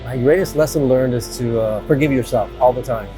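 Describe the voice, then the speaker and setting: Over music and with poor audio, a middle-aged man speaks in a mid-range voice, a bit quickly. He's a Cuban-born, Miami-raised hotel executive relaxedly recounting his career for an interviewer, peppering it with "uh" and "you know."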